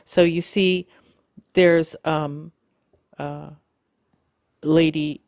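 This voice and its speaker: A woman giving a casual how-to demonstration, talking haltingly with many fillers and self-corrections. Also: low voice, fairly even intonation, a little mellow, no echo, studio quality. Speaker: video tutorial host.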